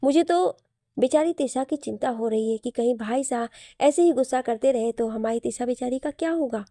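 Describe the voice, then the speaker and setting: A woman's voice: fairly high pitch, normal speed, mellow, no room sound, clean studio sound, lightly acted. A woman reading as playful teasing young sisters. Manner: teasing, chatty.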